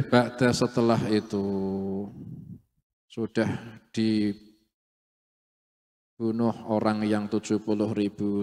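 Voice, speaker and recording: A male preacher, telling a religious story in an animated sermon. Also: on the low side. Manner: animated storytelling, acting out quotes. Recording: long echoey hall reverb.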